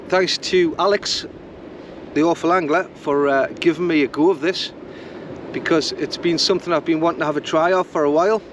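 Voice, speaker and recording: Guy vlogging from the beach, slightly high voice, rambly and laid back, faint outdoor hum behind. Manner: rambling, relaxed, thinks aloud. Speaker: fishing vlogger. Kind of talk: casual chat to camera. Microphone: camera mic.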